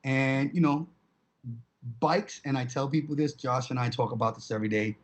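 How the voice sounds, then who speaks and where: A man's voice: mid-range voice, moderate pace. A man from Brooklyn, co-hosting a casual podcast chat and telling stories with many restarts. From Brooklyn, New York. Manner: animated storyteller, many restarts. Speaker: co-host.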